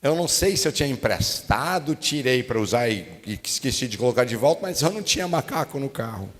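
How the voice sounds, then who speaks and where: A man's voice: mid-range voice, fairly quick. Preaching man in an echoing hall. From United States. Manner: animated, acts out his own grumbling in quotes. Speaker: guest pastor. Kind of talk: storytelling sermon. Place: church meeting hall. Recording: long hall reverb.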